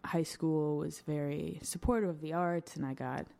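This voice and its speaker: A woman's voice: low voice, steady tone, moderate pace, creaky, mellow. A young woman from Wisconsin talking casually and candidly, with lots of fillers and the odd swear word. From Madison, Wisconsin. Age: young adult. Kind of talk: casual chat.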